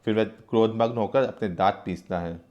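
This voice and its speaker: A man's voice: on the low side, normal speed, dull audio. A man teacher who reads a play aloud and then explains each line in plainer words.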